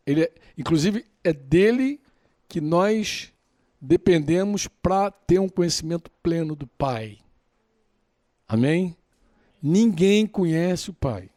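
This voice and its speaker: A man preaching a sermon in a lively, colloquial way, acting out bits of dialogue. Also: fairly high pitch, no room sound.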